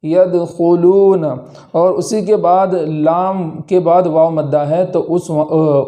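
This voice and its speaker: Man, tajweed teacher, slow careful recitation, warm dark tone. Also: a little high. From India. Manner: slow drawn-out recitation of examples, explaining each letter. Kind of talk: tajweed lesson with recited examples.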